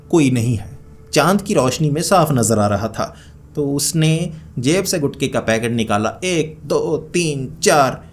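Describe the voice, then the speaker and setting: A man narrating a horror story in a conversational way, repeating phrases to build suspense. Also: medium pitch. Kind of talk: casual spoken horror narration.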